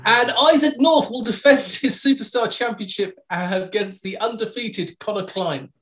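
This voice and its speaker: A woman co-hosting a podcast, briskly reading match lists with dry jokes in a casual news roundup. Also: a little high, a bit bright. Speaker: podcast co-host.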